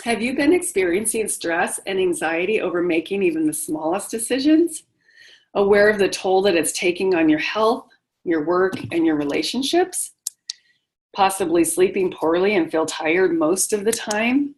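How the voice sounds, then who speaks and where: A woman's voice: on the low side, normal speed, poor audio. A middle-aged woman hosting a motivational webinar, speaking directly and encouragingly to her listeners. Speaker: webinar host and widowhood coach.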